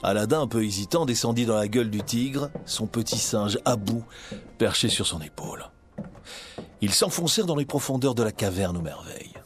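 A man reading a storybook aloud in an animated, expressive narration. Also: on the low side, normal speed, faint music behind.

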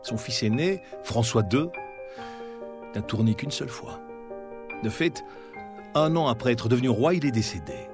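A man giving scripted documentary narration in a measured, dramatic storytelling manner with pauses. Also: medium pitch, sing-song. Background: faint background music.

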